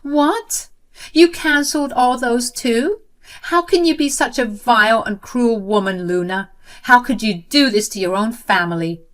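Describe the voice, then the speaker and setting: A woman's voice: a little slow, a bit bright. A woman voicing an entitled adult sister-in-law who shrieks and demands, in a told story. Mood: shrill, outraged. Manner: shrill and demanding.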